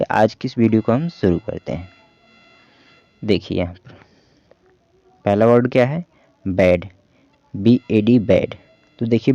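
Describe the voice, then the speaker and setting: Gravelly low-voiced man teaching phonics. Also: warm tone, dry recording. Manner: patient, repeats questions and answers them himself. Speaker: English teacher. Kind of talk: Hindi phonics lesson for beginners. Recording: dull lo-fi voice-over.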